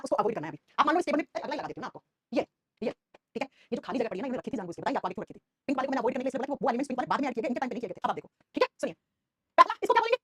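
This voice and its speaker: A woman teaches a live online science lesson at a rapid clip, firing repeated questions at her students. Her high voice swings widely in pitch and has a slightly husky edge. The sound is close and dry. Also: no echo.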